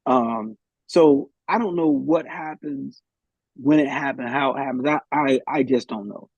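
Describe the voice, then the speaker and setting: A man's voice: mid-range voice, steady tone, a little slow, vocal fry, darkish tone, breathy edge, dry recording, dull audio. A man, a guest in a live podcast discussion, thinking aloud in a hesitant way with many restarts.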